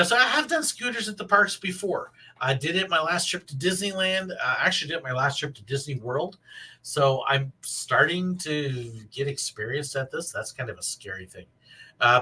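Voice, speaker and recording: Male livestream host, wheezy and winded, sharp raspy tone, casual halting chat, mic at a distance. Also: on the high side. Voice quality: wheezy, breathless. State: out of breath. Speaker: live stream host.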